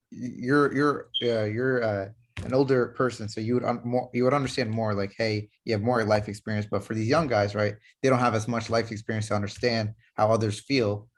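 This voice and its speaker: A man's voice: fairly low pitch, steady tone, normal speed. A young man hosting a podcast, asking long, rambling questions with many stops and restarts. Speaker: podcast host. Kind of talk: casual interview.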